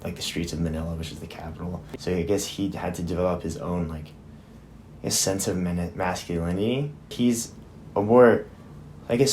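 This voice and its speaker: A man's voice: low voice, creaky, a little hiss or hum. An eighteen-year-old man talking casually in a documentary interview, full of "like" and "I guess.". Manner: casual, many fillers like "like".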